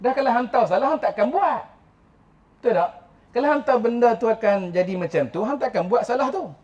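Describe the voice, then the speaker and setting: A man with a northern Malaysian Kedah accent giving a mosque religious lecture, animated and teasing, breaking into chuckles and mock quotes. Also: very high-pitched, brisk. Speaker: religious teacher. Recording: dull lo-fi mosque recording.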